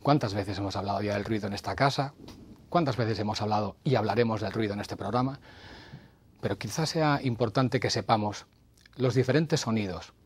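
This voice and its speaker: A man's voice: fairly low pitch, a little fast, breathy edge. A man presenting a hearing-health segment on television, explaining to camera and demonstrating with whispers and a raised voice.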